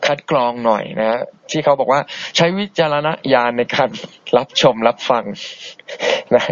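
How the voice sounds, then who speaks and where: A man hosting an internet radio show, chatting politely and easygoingly as he reads out and answers listener messages. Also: a little slow. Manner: easygoing and polite, chatty, soft-spoken asides. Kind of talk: casual radio chat reading listener messages. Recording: dull, boxy low-bitrate internet radio stream.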